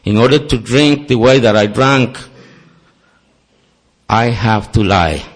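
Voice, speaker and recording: A man's voice: mid-range voice, takes it slowly. A man from Costa Rica with a Costa Rican Spanish accent and Spanish as his first language, giving an earnest personal testimony at a recovery meeting with self-deprecating humor. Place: meeting hall.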